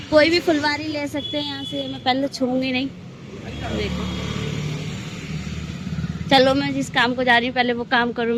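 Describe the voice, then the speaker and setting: A woman's voice: sits high, poor audio. A young woman vlogger and mother from North India, chatting casually to her viewers as she narrates her day at home. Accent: North Indian Hindi. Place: home rooms, then street and a shop.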